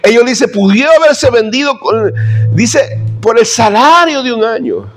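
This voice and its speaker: A pastor preaching a sermon to his church. His voice sits high for a man and swings widely up and down as he presses the congregation with pointed questions. Soft music plays underneath him. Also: sing-song, a little slow. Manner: emphatic preaching, rhetorical questions, addresses the congregation as brothers.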